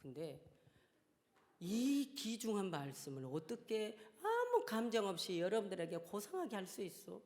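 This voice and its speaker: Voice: medium pitch, huge pitch swings, normal speed, hardly any pauses. Fervent pastor preaching in a reverberant hall. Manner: swings from hushed near-whispers to fervent shouting; calls out hallelujah and questions to the congregation. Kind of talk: sermon. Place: church sanctuary. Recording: long reverb of a large hall.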